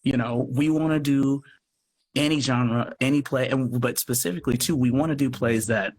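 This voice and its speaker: Husky and darkish in tone, this mid-range male voice moves at normal speed. The speaker, a radio play producer guesting on a noisy livestream interview call, is casual, earnest and effusive, often returning to rework his phrases.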